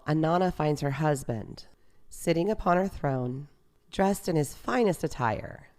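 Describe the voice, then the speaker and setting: A woman hosting a storytelling podcast, retelling an ancient myth in a reflective, gentle, conversational way with personal asides. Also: low voice.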